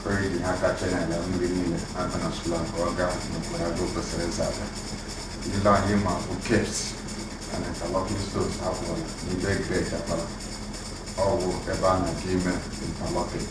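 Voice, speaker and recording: A man's voice: sits low, level tone, fast talker. A middle-aged man with a Nigerian accent, mixing Igbo and English as he gives an informal report in an office, recorded from a far camera. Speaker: acting college provost. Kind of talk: informal report to visiting chiefs. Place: office room. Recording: echoey room from far off, noisy.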